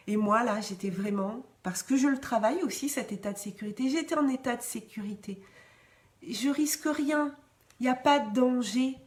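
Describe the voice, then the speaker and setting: Woman, podcast host, fairly high voice, casual encouraging chat, halting restarts. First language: French. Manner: warm encouraging, often laughing; hesitant restarts, varied pace. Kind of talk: casual live chat reading comments.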